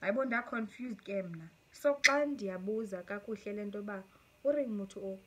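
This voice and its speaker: Reading her viewers' stories on YouTube, this young South African woman laughs frequently and mixes Xhosa into her English. Her mid-range voice is slightly rough and moves at a moderate pace, with an animated delivery and a South African accent.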